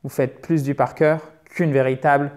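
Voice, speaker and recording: A man's voice: medium pitch, flat delivery, normal speed, a little mellow. A man teaching English pronunciation in an online lesson, playfully stretching vowel sounds to demonstrate them and often checking in with his listeners.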